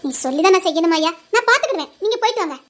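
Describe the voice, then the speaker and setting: A woman voicing a high, fretful old village auntie. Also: expressive, a bit bright. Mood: concerned. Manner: quick, worried, motherly rural speech. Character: kindly older village woman, fretful, tender. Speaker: elderly village caretaker.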